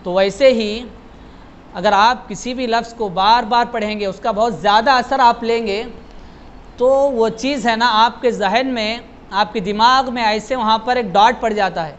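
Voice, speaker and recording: A man teaching Quran recitation to a class, explaining patiently and modeling each phrase slowly, often adding "hai na" to his sentences. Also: extremely high pitch. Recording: dull lo-fi sound with faint noise.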